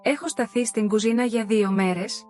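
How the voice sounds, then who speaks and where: A woman voicing an exhausted young wife and hostess who has had enough of her ungrateful in-laws, read in a calm, even way. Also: on the high side, faint music behind, lightly acted. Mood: indignant.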